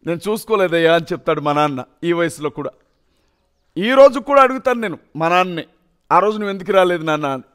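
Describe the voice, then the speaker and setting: A man with a noticeably high voice giving a personal testimony. He tells his story earnestly and with deep emotion. He sounds like a young adult. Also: lively intonation, quick pace, fairly bright tone, clean tone. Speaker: testimony speaker.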